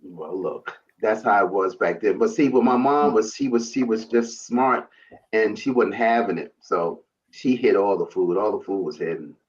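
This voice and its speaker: A man's voice: on the low side, normal speed, muffled recording. A man from Brooklyn, a guest in a casual chat, talking and telling stories in a plain, colloquial way. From Brooklyn, New York.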